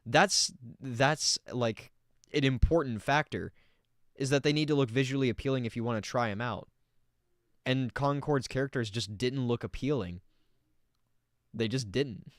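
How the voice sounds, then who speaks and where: A man's voice: mid-range voice, normal speed, pauses often, no room sound, studio quality. A man hosting a casual reaction commentary, talking in a rambling, filler-heavy way and swearing bluntly. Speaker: reaction video host.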